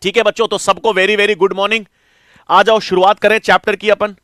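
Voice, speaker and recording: A man's voice: high voice, little pitch movement, moderate pace, bright, forceful tone, no echo, clean studio sound. A middle-aged male biology teacher giving an online class, coaxing his students and answering his own questions. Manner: coaxing, calls students "beta" and "bachche"; asks questions and answers them himself.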